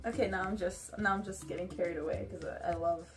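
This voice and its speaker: A woman's voice: fairly low pitch, fairly even intonation, quick pace, music in the background. Giggly, self-mocking woman vlogger. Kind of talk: casual impression vlog.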